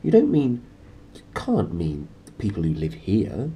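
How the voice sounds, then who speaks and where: A man's voice: on the low side, wildly swooping pitch, unhurried, warm tone, a little hiss or hum, full character voice. A man voicing a stern, fretful female witch professor in a storybook reading. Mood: aghast. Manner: indignant, emphatic, fretful.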